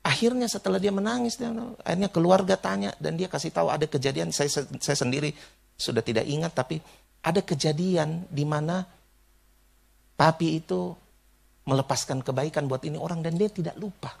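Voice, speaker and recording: A man from Indonesia preaching a sermon, an animated storyteller who imitates people and laughs along. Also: fairly high pitch, brisk, creaky. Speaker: pastor.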